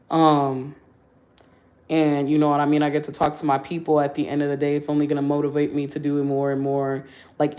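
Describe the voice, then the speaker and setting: Low-voiced woman streamer in her twenties. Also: darkish tone. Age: 20s. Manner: candid, slangy, chatty. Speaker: livestreamer. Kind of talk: casual livestream Q&A.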